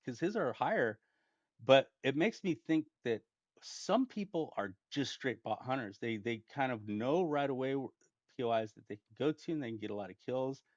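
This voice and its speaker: A man's voice: mid-range voice, expressive, normal speed, no room sound. Male gaming host, casual rambling storyteller, dull lo-fi home mic. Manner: rambling, restarts often, chuckles while telling.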